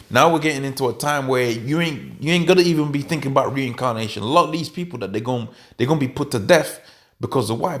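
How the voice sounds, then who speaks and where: A man's voice: mid-range voice, vocal fry. A man preaching a sermon in an emphatic, repetitive way, often tagging his points with "man" and "all right?", stumbling and restarting as he goes. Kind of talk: street-camp sermon teaching.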